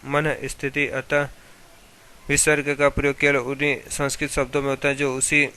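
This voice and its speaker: A man reads grammar notes aloud like a teacher, line after line from the book. His voice stays almost perfectly level in pitch, with a bright, crisp, clean tone that never rises or falls. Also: moderate pace. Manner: steady monotone reading of a textbook.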